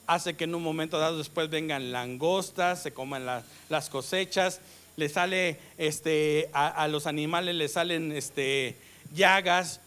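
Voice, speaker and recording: A man with a Mexican Spanish accent preaching a sermon, stressing his words and asking the congregation questions for them to answer back. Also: a little high. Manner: call-and-response questions to the congregation; slow, emphatic delivery with sudden loud rises. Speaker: pastor.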